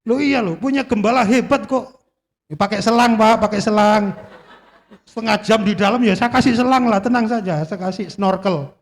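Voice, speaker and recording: A man preaches a sermon in a church, joking with the congregation and putting questions to it. His voice sits high, and it carries a long reverb from the hall. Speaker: guest preacher.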